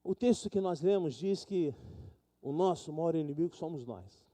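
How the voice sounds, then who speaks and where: A man's voice: fairly high pitch, animated, normal speed, mellow. A Brazilian pastor preaching a sermon, who acts out the people in his stories with dramatic swings of voice. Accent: Brazilian Portuguese. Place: church sanctuary.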